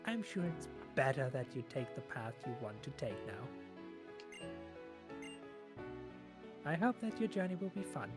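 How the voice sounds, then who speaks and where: A woman's voice: rumbling low, big pitch swings, measured pace, long pauses, loud music behind the voice, voice pushed down, heavily acted. A woman voicing a worried, protective father from a video game, stern and earnest, by turns indignant and resigned. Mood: resigned, tender. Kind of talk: reading video game dialogue aloud.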